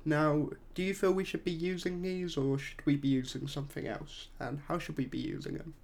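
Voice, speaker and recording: Gravelly-voiced podcast host asking questions. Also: male voice, fairly high pitch, fairly even intonation, a little fast, darkish tone. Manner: conversational questioning. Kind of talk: interview questions.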